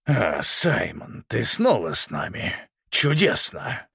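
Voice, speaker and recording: A man's voice: on the low side, wildly swooping pitch, slow, vocal fry, pushed and bright, husky, dry recording, studio quality, exaggerated voice. A man voicing a ruthless older grandfather, lord of birds, with a menacing, sneering manner. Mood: mocking. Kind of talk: audiobook character voice.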